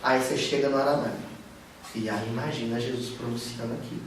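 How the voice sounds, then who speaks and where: A man with a mid-range voice talks a little fast, teaching a study group in the study room of a spiritist center. His informal teaching is animated and casual, and he often puts questions to his listeners. Recorded from far off in an echoey room, with slight background noise.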